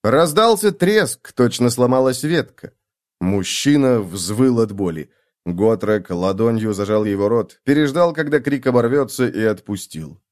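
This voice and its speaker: Expressive male audiobook narrator. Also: medium pitch, measured pace. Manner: expressive storytelling, voices each character. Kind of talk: audiobook reading of a fantasy novel.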